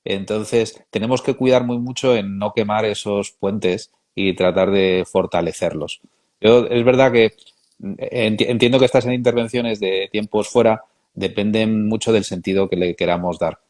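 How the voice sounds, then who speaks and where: Man, lowish voice, thoughtful, unhurried interview host. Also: steady tone, darkish tone. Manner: measured, reflective, hesitant fillers. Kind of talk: conversational interview.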